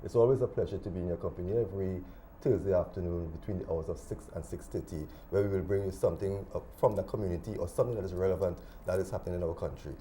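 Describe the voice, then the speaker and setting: Deep-voiced male TV host. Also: rapid-fire, warm tone, slight background noise. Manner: formal, welcoming, with filler hums. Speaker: TV talk show host. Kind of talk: studio interview. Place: TV studio.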